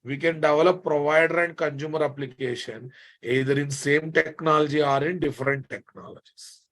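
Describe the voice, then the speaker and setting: A man with a Telugu Indian accent lecturing a class as a software instructor, repeating phrases for emphasis and prodding his students with check questions. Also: a little high, steady tone, fairly quick.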